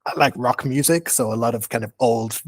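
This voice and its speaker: A man's voice: mid-range voice, no echo. Man, late 30s, teacher speaking plainly to learners over a dry call line. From England. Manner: friendly, clear and unhurried, simple wording for learners. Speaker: guest English teacher. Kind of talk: casual self-introduction on a video call.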